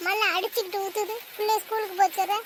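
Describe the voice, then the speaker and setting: A woman's voice: very high-pitched, little pitch movement, fast, a little hiss or hum. A woman voicing a sulky teenage college girl in a cartoon who whines and pleads for a day off. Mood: whiny.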